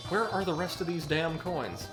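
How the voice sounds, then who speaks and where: Game music runs beneath the casual live commentary of an American streamer whose voice is on the high side, at a moderate pace. As he plays, he rambles on, tosses out self-deprecating puns and reads messages from chat.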